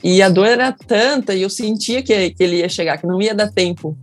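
Over soft background music, a young woman with a Brazilian Portuguese accent casually recounts her birth story in a medium-pitched, brisk voice. She gets emotional and raises her voice to act out the people she quotes.

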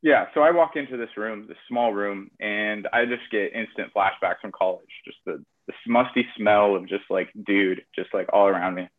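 A man's voice: lowish voice, normal speed. A young man telling a long story in casual chat, rambling with lots of fillers. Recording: tinny phone-like audio.

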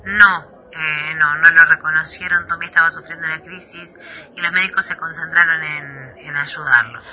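A woman's voice: low voice, fairly even intonation, moderate pace, bright, forceful tone. A woman voicing a curt, controlling male manager who answers the press in a formal, clipped and evasive way. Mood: guarded, formal.

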